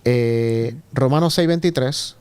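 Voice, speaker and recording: A man's voice: medium pitch, takes it slowly, a little mellow, clean tone, dry recording. A man leading a casual Bible study discussion in a church group, asking others to look up verses. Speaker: Sabbath School discussion leader. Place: church room.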